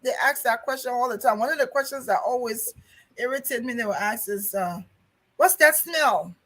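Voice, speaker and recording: Woman talk-show host, chatty interviewer, raised pitch, husky tone. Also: a little fast, fairly bright tone, poor audio. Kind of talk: casual talk show chat.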